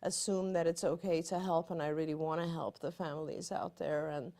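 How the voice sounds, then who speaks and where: A middle-aged woman from Iran, hosting a live show and chatting casually in an upbeat, rambling way with quick restarts. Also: sits low, fairly even intonation, warm tone. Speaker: psychologist and show host. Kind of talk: casual live-stream chat.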